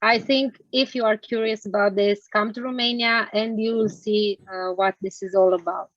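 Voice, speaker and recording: A woman's voice: medium pitch, fairly even intonation, normal speed, dry recording. A woman on an online panel, encouraging and upbeat. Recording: dull dry call audio.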